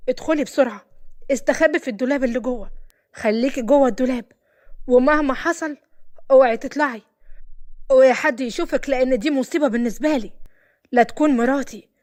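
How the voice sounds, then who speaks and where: A woman's voice: high-pitched, fast talker, pauses often, a little mellow, lightly acted. An Egyptian woman voicing a secretive wealthy man who speaks firmly and gives warnings. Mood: alarmed. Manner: warning, firm.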